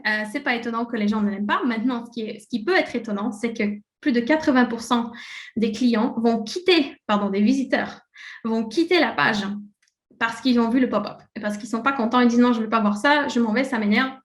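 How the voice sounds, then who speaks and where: A woman's voice: fairly high pitch, a little fast, reverberant. A Swiss-French woman gives a casual live webinar presentation, chatty and full of fillers. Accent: French-speaking Swiss, speaking in a French way. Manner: casual and chatty, many fillers, laughs at slips.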